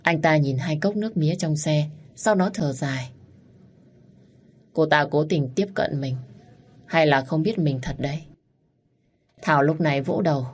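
A woman narrating an audio story in a steady, matter-of-fact way. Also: sits low, a little slow, pauses often, husky.

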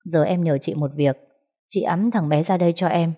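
A scheming young woman, pushy and coaxing, hurrying everyone along, as a woman storyteller plays her. The voice stays fairly low and mellow. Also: moderate pace, natural voice. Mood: urging. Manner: urgent, coaxing, bossy.

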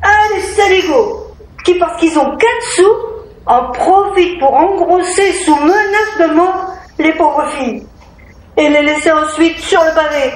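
A woman's voice: high voice, animated, measured pace, roomy sound, a little hiss or hum, low-quality recording. A woman voicing a coarse, furious village mother who screams insults in an audiobook drama.

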